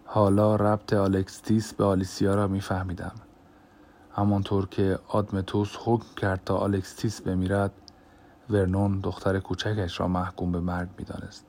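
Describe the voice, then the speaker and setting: A man narrating an audiobook in a measured, grave reading voice. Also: lowish voice, a little mellow.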